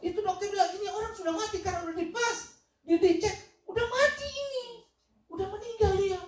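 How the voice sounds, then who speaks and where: Earnest shaken woman, put on by a male preacher, raised pitch, distant roomy sound. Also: a little fast, a crowd in the background. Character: frightened woman recounting near-death to her pastor. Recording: echoey room, voice from a distance.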